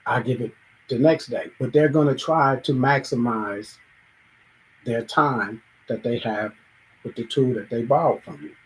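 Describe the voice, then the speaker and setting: At a measured pace and mid-range pitch, a male host gives a thoughtful solo monologue, thinking out loud, playing out everyday dialogues and at times restarting. The audio is poor.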